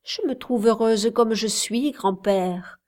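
Brief: heartfelt young girl, read by a woman, slow storybook delivery. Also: a little high, darkish tone. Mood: gentle. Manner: earnest, heartfelt. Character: affectionate young girl, earnest.

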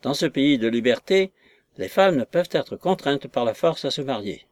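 A man doing a frantic lovesick young gentleman. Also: mid-range voice, lively intonation, normal speed, no echo, lightly acted. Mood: urgent. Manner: urgent, exclamatory.

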